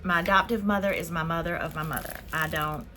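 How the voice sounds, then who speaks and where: A Spanish woman hosts a casual haul vlog, chatting quickly as she unboxes her purchases one at a time. Her voice is slightly low for a woman, and a faint room hum sits in the background.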